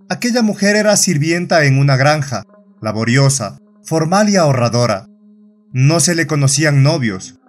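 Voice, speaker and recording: A man with a Latin American Spanish accent reading a horror story aloud in a measured, dramatic way. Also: a little high. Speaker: narrator. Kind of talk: scripted horror audiobook narration.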